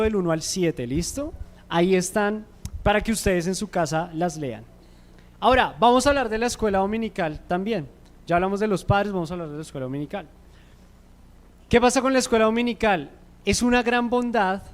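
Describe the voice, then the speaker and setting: Man, high voice, preaching, asks the congregation questions. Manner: asks the audience frequent questions. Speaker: preacher teaching a parents' class. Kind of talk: church teaching talk. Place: church service.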